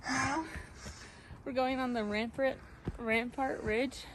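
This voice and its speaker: A woman's voice: on the high side, a little slow, noisy background. A young woman narrating a casual road trip vlog, chatty and leaning on filler words. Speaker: travel vlogger. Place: road trip, in a car and at a campsite outdoors.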